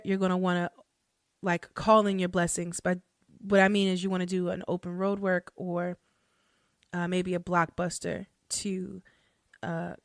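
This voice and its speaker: A woman's voice: on the low side, no room sound. Chatty woman podcaster, dry close sound. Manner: chatty, laughs often, many fillers and restarts. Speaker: podcast host and hoodoo practitioner. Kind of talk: casual solo podcast talk.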